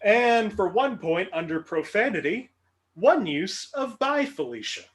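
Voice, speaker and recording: Game show host, male, unhurried clue reader with a lively, high voice. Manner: dry, mock-serious joking. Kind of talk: reading trivia clues.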